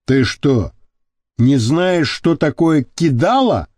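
Guy doing a gruff old prison boss, talks slow and heavy, sentimental streak. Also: mid-range voice, very animated, a little mellow, no echo, studio quality. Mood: lecturing. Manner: slow, weighty, lecturing.

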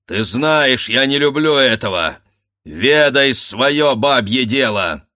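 A man's voice: mid-range voice, expressive, slow. A man doing a stern Cossack warrior. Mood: commanding, defiant. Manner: commanding, defiant shouts. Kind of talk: dramatic audiobook reading.

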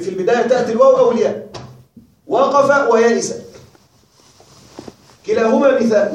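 High-voiced man teaching in an echoey room. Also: darkish tone. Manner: repetitive, drills examples slowly and quizzes students. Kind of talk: classroom grammar lecture. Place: classroom with students. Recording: very echoey room, mic far off.

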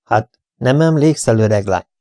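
A man's voice: mid-range voice, expressive, warm tone, no room sound, studio quality, natural voice. A man playing a breezy, flippant young man. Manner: light, offhand.

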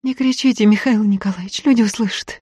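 A woman's voice: medium pitch, a little fast, mellow, breathy edge, no room sound, voice pushed up, natural voice. A woman voicing a tearful, self-blaming young peasant woman who talks in plaintive, folksy village speech. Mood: sad, pleading.

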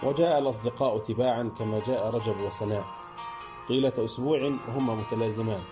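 Man reading a novel with soft music. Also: medium pitch, steady tone, quick pace. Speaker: audiobook narrator. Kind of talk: scripted novel narration.

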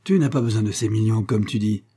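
A man's voice: fairly low pitch, normal speed, dark tone, breathy edge. A man doing a furious, domineering old father. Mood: scornful. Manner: curt, scornful, raised voice. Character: harsh, domineering older male engineer, furious father.

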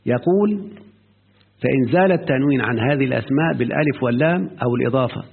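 A man's voice: mid-range voice, fast talker, vocal fry, breathy edge. A man with an Egyptian Arabic accent explaining a grammar book to a student, often stopping to check that the student has understood. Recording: lo-fi phone-like recording.

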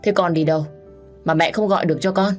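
A woman's voice: deep voice, normal speed, a little mellow, faint music behind, lightly acted. A woman voicing a worried middle-aged mother who scolds sharply out of fear in a storybook reading. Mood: scolding.

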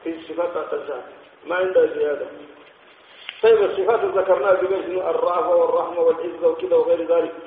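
A Sudanese sheikh gives a religious lecture at a rapid clip, keeping his listeners on their toes with constant rhetorical questions. His voice sits a little high for a man and carries a long hall reverb. The recording is thin and tinny, like a phone line, with faint background noise. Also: fairly even intonation. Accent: Sudanese Arabic. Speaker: sheikh teaching theology.

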